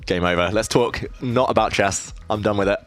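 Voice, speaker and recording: On a live chess stream, a man with a very low voice chats casually at a moderate pace, poking fun at his own mistakes. He reads viewers' questions aloud and answers them while faint music plays quietly underneath.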